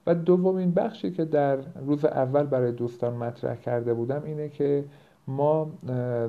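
A man hosting a podcast as a coach, explaining informally with hesitant pauses and filler sounds, in low-quality audio. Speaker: productivity coach and podcast host. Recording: low-bitrate, dull lo-fi home-edited audio.

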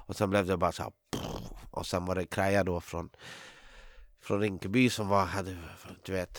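A man's voice: low voice, no room sound, clean studio sound. A man talking as a guest, telling a long story in a rambling way with many fillers and restarts. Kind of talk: casual storytelling in a podcast conversation. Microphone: close studio mic.

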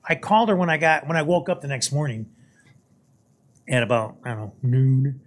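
A man's voice: medium pitch, expressive. Older man telling a flying story. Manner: halting, repeats words while recounting. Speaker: guest, former hurricane hunter pilot. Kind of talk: casual storytelling.

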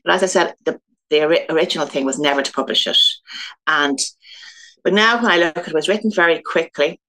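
A guest author from Dublin, Ireland, chats casually in an interview, her Irish-accented voice low, quick, and a little bright. She rambles through stories and laughs often.

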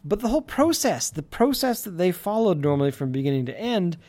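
Very animated and a little fast, this man talks in a high-pitched, slightly mellow voice as he hosts his own podcast alone. He has a light lisp and rambles casually, full of fillers and restarts, and the recording has no room sound.

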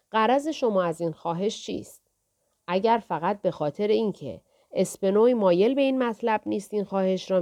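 A woman's voice: mid-range voice, dark tone, lightly acted. Audiobook part: a woman doing a guarded aging king, formal and calculating, in a storybook reading. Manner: measured, formal royal speech.

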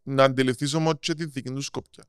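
A man with a Cypriot Greek accent explaining things in casual interview talk, halting and repeating words as he goes. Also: medium pitch, fairly even intonation, clean tone, no echo, studio quality. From Cyprus. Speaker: podcast guest, marketing strategist.

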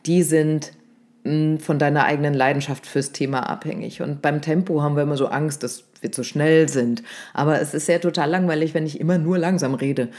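A voice coach explaining speaking technique in a casual conversation, lively and explanatory, often checking in with "ne?". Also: medium pitch, brisk. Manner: explanatory, lively, demonstrates stresses with exaggerated emphasis; uses fillers like "ne?" and "ja?".

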